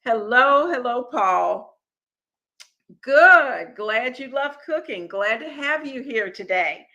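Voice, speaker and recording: Chatty middle-aged lady cooking host, bright voice, kinda high, rambles and restarts a lot. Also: animated, slow, muffled recording. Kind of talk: live-stream chat with viewers.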